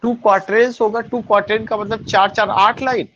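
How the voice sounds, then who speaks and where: A man's voice: high-pitched, steady tone, brisk, a bit bright, muffled recording. A man teaching poetry terms in an exam-prep lesson, asking questions and answering them, spelling words out letter by letter.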